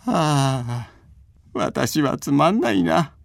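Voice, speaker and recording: A man voicing a frail, bedridden old man in a folk tale, speaking slowly in a high, quavering voice. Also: animated, gravelly, no echo, clean studio sound, exaggerated voice. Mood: wistful. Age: older.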